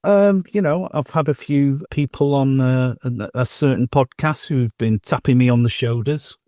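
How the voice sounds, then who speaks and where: His medium-pitched voice has a dark tone and moves at a moderate pace, captured as clean studio sound without echo. As co-host of a modelling podcast, he chats casually through shopping stories, rambling, laughing, and restarting.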